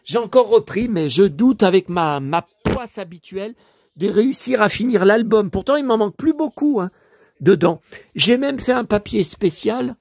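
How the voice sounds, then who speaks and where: Hoarse, gravelly-voiced man chatting to viewers. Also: high voice, expressive, moderate pace, darkish tone, no room sound, clean studio sound. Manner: chatty, grumbling, addresses viewers directly. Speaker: collector vlogger showing his purchases. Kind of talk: casual chat to viewers.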